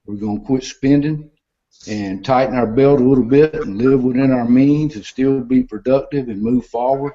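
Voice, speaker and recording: A man's voice: mid-range voice, moderate pace, mellow, muffled recording. An older man, a mayoral candidate on a video call, answering a forum question with plainspoken, repeated pledges.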